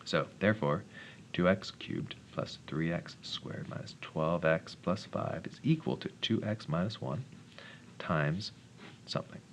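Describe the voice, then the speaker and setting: A man's voice: low voice, unhurried, a little hiss or hum. A man teaching math, talking himself through a worked solution in a casual, mumbling way with wry little jokes. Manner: mumbles calculations, jokes self-deprecatingly.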